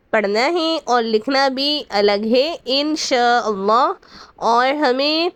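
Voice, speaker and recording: A woman's voice: high-pitched, a bit bright, smooth, no room sound. A woman teaching on an online Quran channel, explaining in a friendly way and mixing English words into her Urdu. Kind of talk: religious explainer video.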